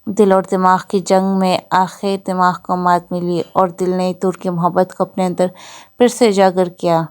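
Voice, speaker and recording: A woman narrating a romantic audio novel in a steady, even storytelling voice. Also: lowish voice, clear, resonant tone.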